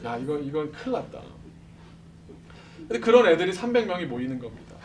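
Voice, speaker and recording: A man telling a lively testimony to a church congregation, acting out the voices of the people in his story and laughing often. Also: a little high, a little fast. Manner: animated, acts out quoted voices, laughs often. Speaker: speaker at a church service. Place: church sanctuary. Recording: distant mic with background noise.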